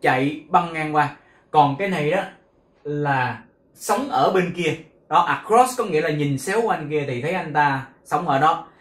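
A man teaching English pronunciation, repeating words slowly and carefully, syllable by syllable, then explaining their meaning. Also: a little high, fairly bright tone, reverberant. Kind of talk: pronunciation lesson with repeated drills.

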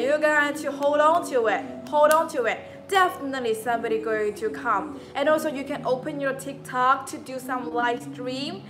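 Against a noisy background, a young woman with a Chinese accent and a fairly high-pitched voice runs a live stream from an indoor beauty machine showroom. Selling the machines, she reads viewer comments aloud, chats to her audience and repeats herself.

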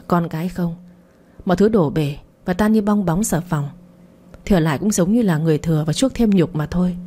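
A woman narrating a novel in a slow, soft, even reading. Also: on the low side, breathy edge. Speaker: story narrator. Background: faint music.

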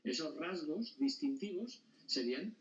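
A man's voice: a little high, big pitch swings, unhurried. Teacher guy lecturing a class, keeps going "entienden? vale?", sounds far off and kinda muffled. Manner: explanatory, often checks understanding with questions. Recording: dull sound, mic at a distance.

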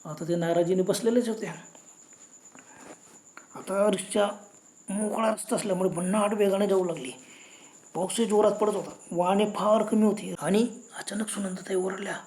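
A woman's voice: mid-range voice, steady tone, normal speed, pauses often, dark tone, reverberant, slight background noise. A woman narrating a horror story in a dramatic storytelling manner.

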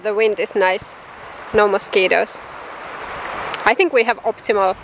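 A woman's voice: mid-range voice, steady tone, a little slow, rough recording. A young woman vlogging about fly fishing beside a mountain river, talking casually into a handheld camera. She sounds enthusiastic and often repeats her words. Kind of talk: casual outdoor vlog talk. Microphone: handheld camera close to her face. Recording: outdoor wind noise, background music.

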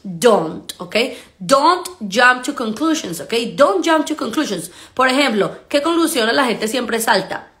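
A woman's voice: a little high, animated, fairly bright tone. Upbeat woman teaching English. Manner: upbeat, coaxing, checks in with frequent "ok?"; drawn-out slow demonstrations of English sounds. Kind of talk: live online mini-lesson.

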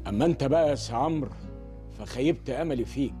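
An actor playing an Egyptian family elder lecturing a young man, measured and disappointed. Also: mid-range voice, mellow, soft background music, natural voice.

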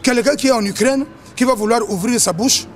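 High-voiced boastful man. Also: a little fast. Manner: boastful, mocking. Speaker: sapeur. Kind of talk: bragging street banter.

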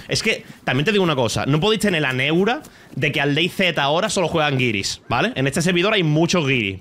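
A man's voice: medium pitch, bright, forceful tone. A man from Spain with an Andalusian accent, streaming a game while rambling, swearing and joking with his chat. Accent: Andalusian Spanish. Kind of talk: gaming livestream commentary. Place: home streaming setup.

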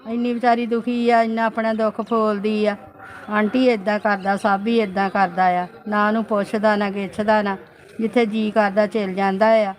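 A woman's voice: medium pitch, flat delivery, normal speed, close to an everyday voice. A middle-aged woman from Punjab playing a gossiping neighbour aunt in a home-made short film, disapproving and muttering to herself.

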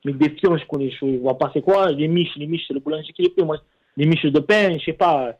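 A man's voice: on the high side, a little fast. Stammering man on a muffled phone line. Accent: Marseille, southern French. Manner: stammering, repeats words, incredulous. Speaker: pastry chef taking a prank call.

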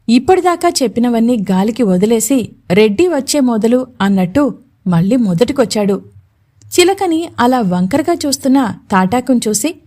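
A woman storyteller in smooth, steady scripted narration of an audio romance story. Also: on the high side.

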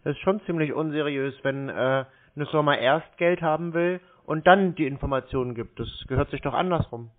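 A man taking a call as a scam baiter pushes back hard in an argumentative conversation, blunt and insistent. His voice sits on the high side, at normal speed with few pauses, and the phone line sounds tinny and narrow-band.

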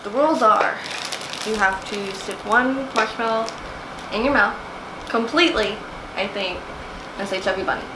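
A woman's voice: mid-range voice, moderate pace, pauses often. A young adult woman hosting a casual vlog chat. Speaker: host. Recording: echoey, noisy home recording.

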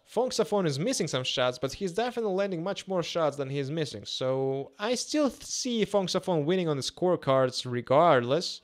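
Casting: male fight commentator, twenties, slightly high voice, native Russian with a Russian accent, casual and repetitive, close podcast mic. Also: animated, moderate pace, few pauses. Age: 20s. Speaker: boxing commentator. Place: small indoor room. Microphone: close podcast microphone on a boom arm.

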